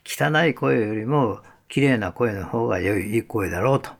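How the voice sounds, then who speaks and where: A man calmly explaining breathing and what makes a good voice, step by step. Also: fairly low pitch, normal speed, creaky. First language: Japanese. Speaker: voice expert guest.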